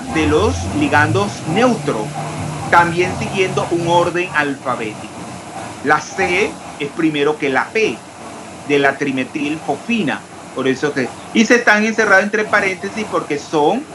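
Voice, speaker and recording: A man whose voice is on the high side teaches chemistry in an online class, asking students questions while spelling out formulas one step at a time. The recording has a noisy background.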